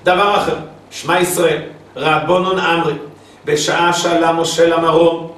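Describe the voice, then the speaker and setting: Man, fairly high voice, religious lesson, reads then explains, very echoey room, distant mic. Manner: reads a text, then explains it in plain words; thinks aloud with small asides. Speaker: Torah teacher.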